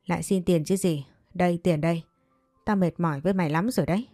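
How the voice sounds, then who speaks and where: A woman voicing a stern, short-tempered middle-aged mother who scolds harshly and quickly in a storybook tale. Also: lowish voice, warm tone, no room sound, studio quality, soft background music, lightly acted. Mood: scolding.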